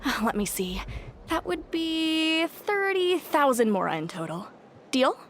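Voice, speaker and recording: A woman voicing a lively, easily surprised young shopkeeper in a video game. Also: sits high, takes it slowly, a little hiss or hum, exaggerated voice. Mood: chirpy. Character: cheerful young woman selling climbing rope.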